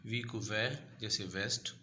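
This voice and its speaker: A man gives a patient lesson and spells each letter out carefully. He talks slowly in a lowish, bright voice. Faint noise hums behind him. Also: steady tone. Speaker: language teacher. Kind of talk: lesson narration over a chart.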